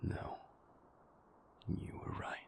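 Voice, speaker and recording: Here the vampire boyfriend of an intimate roleplay audio comes across as vulnerable and regretful. The male actor whispers in a breathy, gravelly low voice, remorseful yet formal and guarded, choosing each halting word with care.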